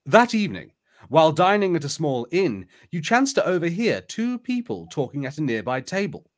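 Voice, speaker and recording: A man hosting a live stream, switching between casual chat and expressive storybook read-aloud narration. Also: on the high side, moderate pace. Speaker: host of a live gamebook stream.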